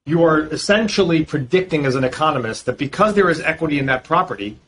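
This Boston real estate lawyer, appearing as a male podcast guest, has a higher-pitched, expressive voice with a fairly bright tone and a quick pace. He speaks fluently, stretching his explanations into long stretches full of fillers. There's a bit of background noise.

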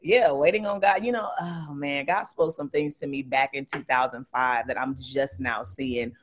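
A woman's voice: very deep voice, normal speed. A young woman, a worship singer, talking earnestly as a guest in a faith interview, laughing often between thoughts. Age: young adult. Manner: earnest, laughs often, many restarts and fillers.

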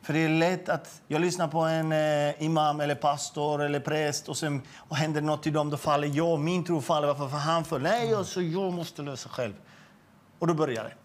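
A middle-aged man with a slightly raised pitch shares his faith testimony. He talks earnestly and with feeling, and he often stumbles over repeated words and starts his sentences again. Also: steady tone. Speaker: guest sharing a faith testimony. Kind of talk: personal religious testimony.

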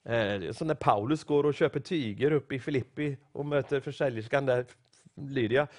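A man from Sweden preaching a sermon, telling stories with acted-out quotes and growing excitement. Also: medium pitch.

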